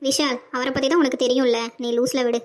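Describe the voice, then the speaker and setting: A woman voicing a gentle young wife in a Tamil cartoon, talking softly and pleading. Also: high-pitched, steady tone, fairly quick, natural voice. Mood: cheerful. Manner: soft and pleading.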